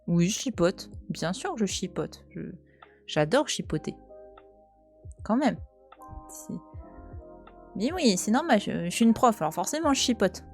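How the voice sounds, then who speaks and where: A chatty, teasing French woman in her thirties streams casually from home, bantering with her viewers as she plays. Her voice sits at a middling pitch, and faint music plays under her talk. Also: very animated, unhurried, long pauses. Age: 30s. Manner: chatty, teasing, talks back to chat. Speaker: Twitch streamer. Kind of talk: casual live-stream chat while playing. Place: at home, cat nearby.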